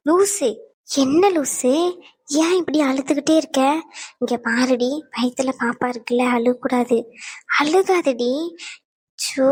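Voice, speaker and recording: Woman doing a high-voiced cartoon sister-in-law, bossy, affectionate, teasing. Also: lightly acted. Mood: coaxing. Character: caring young cartoon woman Reshma, teasing friend.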